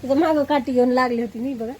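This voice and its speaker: Woman, chatty vlogger, warm low-bright tone, high pitch, yard outdoors. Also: steady tone, fast talker, slight background noise, low-quality recording. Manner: chatty, showing things to viewers. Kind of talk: casual village vlog.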